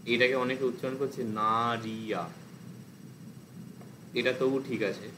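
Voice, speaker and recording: A man teaching an online language class, explaining patiently and reciting word forms in steady drills. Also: mid-range voice, a little slow, background noise.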